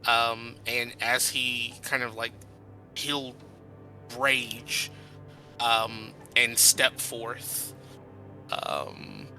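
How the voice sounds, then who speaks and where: A man takes his turn as a player in a tabletop game. He talks casually and slowly, searching for words, with a sharp, very bright tone. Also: mid-range voice, faint music behind, low-quality recording. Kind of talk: casual tabletop role-play.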